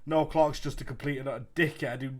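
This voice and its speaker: A man's voice: mid-range voice, fairly even intonation, fast talker. A man on a casual podcast who teases and mocks his friends and swears freely. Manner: mocking, teasing, swears a lot. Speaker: podcast co-host. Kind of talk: casual chat.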